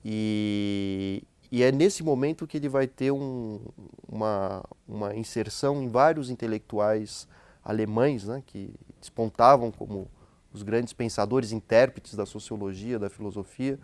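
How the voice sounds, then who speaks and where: A man speaking as a guest sociologist and professor, explaining in a relaxed conversational way, tagging his sentences with questions and often restarting them. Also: fairly low pitch, unhurried, no echo. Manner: frequent tag questions and hesitant restarts.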